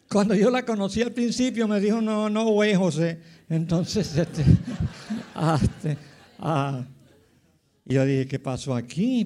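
A man's voice: on the high side, mellow. A man in his nineties from Colombia, a pastor telling his life story in a rambling way with many fillers and asides to his listeners. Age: 90s. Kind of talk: personal testimony, casual storytelling.

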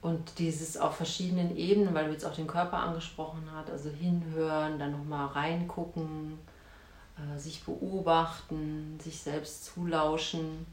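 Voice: mid-range voice, flat delivery, measured pace, roomy sound. An interviewer who thinks aloud while asking questions, searching for words with many fillers. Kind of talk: conversational interview.

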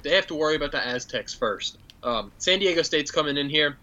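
A man's voice: fairly high pitch, lively intonation, fairly quick, sharp tone, lo-fi sound. A man co-hosting a sports podcast, breaking down the matchup in an easygoing way with fillers. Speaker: podcast co-host. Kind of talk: casual sports podcast chat.

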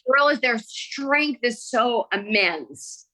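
A woman, an actress, chatting as a podcast guest, telling stories in an animated, excited way. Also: a little high, slow pace, background noise. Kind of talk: casual interview chat.

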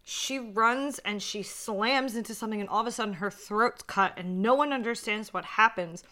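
A woman co-hosting a casual podcast, eager and quick to agree and jump in. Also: on the high side, bright, forceful tone. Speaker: podcast co-host. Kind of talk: casual podcast chat about horror films.

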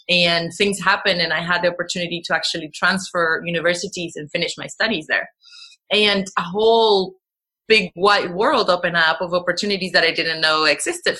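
Bright-voiced woman, low and chatty. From Venezuela. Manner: rambling, with many fillers and restarts. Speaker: guest. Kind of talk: casual conversational interview.

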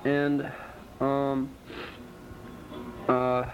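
A man with a cold recording an answering machine greeting, speaking slowly and trailing off with fillers, played back from old tape. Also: mid-range voice. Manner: slow and flat, trailing off with fillers. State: has a cold, sniffly. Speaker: person recording an outgoing phone message. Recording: muffled lo-fi answering machine tape, distant, faint hiss. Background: soft acoustic guitar music.

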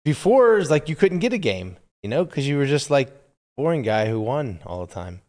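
A man's voice: medium pitch, sing-song, normal speed, a little mellow. A man co-hosting a casual podcast, teasing his friend in a dry way. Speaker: podcast co-host. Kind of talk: casual chat.

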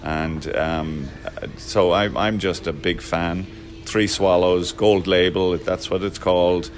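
Deep-voiced man, halting and jokey. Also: fairly even intonation. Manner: hesitant, many fillers, jokey. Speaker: Irish pub owner. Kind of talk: casual interview.

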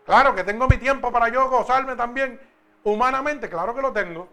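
A man preaching a sermon, talking with the congregation and asking them questions, then slowing down and stressing each word when he reads scripture. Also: very high voice, pushed and bright, faint music behind. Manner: slow, emphatic when reading scripture.

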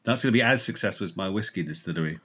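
Man doing a drunk bumbling lecturer, rambling and evasive, very lively pitch, dull muffled recording. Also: rapid-fire, breathy edge, heavily acted. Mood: bumbling, boozy. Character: drunk, bumbling older male university lecturer. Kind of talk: improvised comedy sketch.

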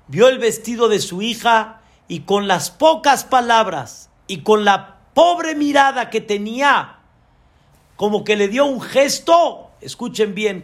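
A man, a rabbi telling a dramatic story in a sermon and voicing the women in it. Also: sits high.

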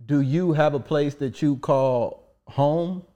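A man's voice: on the high side, slow pace, dark tone. A man hosting a casual podcast interview, joking around while steering the talk back on track. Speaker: podcast host.

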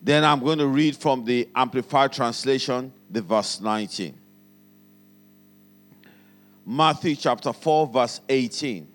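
A man's voice: medium pitch, normal speed, fairly bright tone. A man with a Nigerian accent preaching a sermon as pastor, repeating key phrases and calling on the congregation to respond.

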